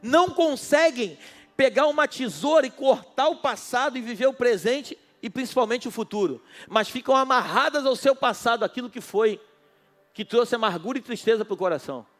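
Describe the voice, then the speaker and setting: A man's voice: extremely high pitch, lively intonation, moderate pace, a bit bright, soft background music. A male pastor preaching a sermon at a night church service, passionate and speaking straight to his listeners. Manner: impassioned, addresses listeners directly.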